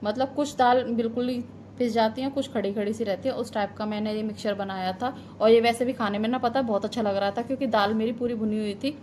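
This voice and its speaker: A chatty woman in her thirties narrates her family vlog in a high, bright voice. She sounds homely and gives friendly advice, and her talk turns to heartfelt reflection. A faint hum of home noise sits under her. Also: steady tone, quick pace. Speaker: family vlogger, mother. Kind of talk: casual vlog voice-over.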